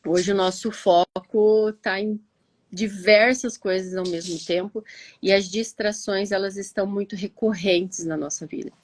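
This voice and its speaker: Speaking at a measured pace with fairly even intonation, this stuffy-nosed woman has a medium-pitched voice and a Brazilian Portuguese accent. She is a Curitiba teacher and live show co-host, explaining in a chatty live talk and frequently adding "né?". There is no room sound.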